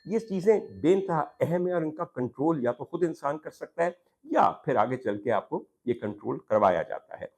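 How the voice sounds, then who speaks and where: A talk show host with a Pakistani accent gives a formal opinion monologue to camera about social issues, using rhetorical questions and emphatic repetition. His voice is a little high and darkish, with lively intonation, normal speed and few pauses.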